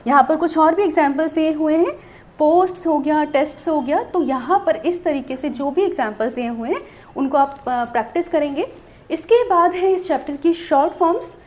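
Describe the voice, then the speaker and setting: Woman, shorthand teacher, high voice, animated pitch, step-by-step explanations, questions and answers. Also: normal speed, a little hiss or hum. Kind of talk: video lesson.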